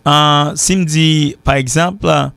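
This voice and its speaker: A man with a Haitian accent teaching an informal English lesson, who repeats words slowly to drill their pronunciation. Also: fairly high pitch, steady tone, vocal fry, fairly bright tone, clean tone, dry recording. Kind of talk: informal lesson mixing French and Creole.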